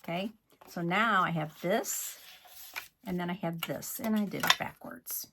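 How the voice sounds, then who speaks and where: A man's voice: high-pitched, a little slow, heavy background noise. A man demonstrating card-making in a chatty tutorial, scolding himself and muttering asides as he works. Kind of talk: crafting tutorial.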